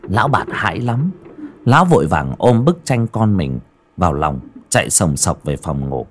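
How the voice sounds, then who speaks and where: Expressive male audiobook narrator. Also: low voice, moderate pace. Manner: expressive, rising and falling with the drama. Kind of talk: dramatic horror story narration.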